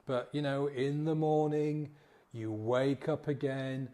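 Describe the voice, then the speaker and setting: A man working as a sobriety coach gives a casual, conversational motivational talk in a slow, steady, mid-range voice with a warm tone. He acts out inner voices and keeps checking in with "yeah?".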